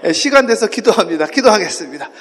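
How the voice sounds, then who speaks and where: A man preaching an early-morning sermon, swinging from hushed talk to shouting and leading the congregation in call-and-response. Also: high-pitched, very animated, quick pace. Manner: impassioned, shifts from hushed to shouting. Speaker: pastor. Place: church sanctuary. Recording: long church hall reverb.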